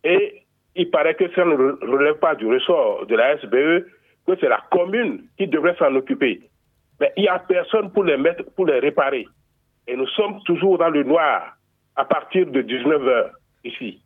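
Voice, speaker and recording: A man's voice: on the high side, lively intonation, normal speed. A man from Benin, phoning a radio show to lay out a neighborhood complaint in a formal, step-by-step way with small hesitations, heard over a telephone line. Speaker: radio call-in listener. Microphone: telephone handset. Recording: narrow tinny phone line.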